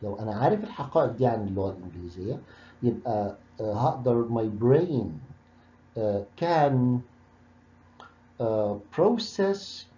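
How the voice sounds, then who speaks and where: A man's voice: on the low side, expressive, moderate pace, dark tone. A man with an Egyptian Arabic accent, a university lecturer explaining step by step, asking the class rhetorical questions and hesitating with many uhs. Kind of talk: recorded lecture mixing Arabic and English. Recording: dull echoey lecture recording.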